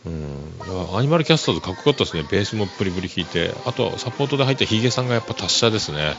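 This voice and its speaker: Talking very fast, a podcast host chats casually on his own, his gravelly deep voice jumping widely in pitch. Easygoing and laughing, he uses plenty of fillers, and music plays beneath the dull, lo-fi audio.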